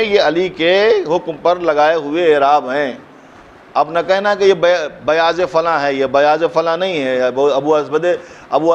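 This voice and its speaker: A man, a cleric giving an impassioned mourning sermon at a mosque gathering, who asks rhetorical questions and rises into a fervent recited couplet. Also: on the high side.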